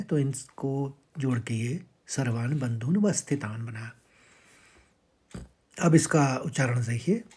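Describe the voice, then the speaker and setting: Unhurried male recitation teacher, mid-pitched voice, breaks verses into chanted parts. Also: breathy edge. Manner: chants verses slowly with stressed syllables. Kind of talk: scripture recitation lesson.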